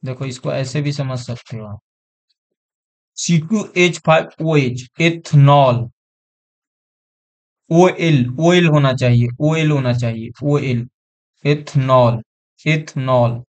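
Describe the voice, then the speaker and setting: Slow, repetitive male teacher. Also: mid-range voice. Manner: repeats terms over and over, checks understanding. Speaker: exam-prep science teacher. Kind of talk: online class lecture.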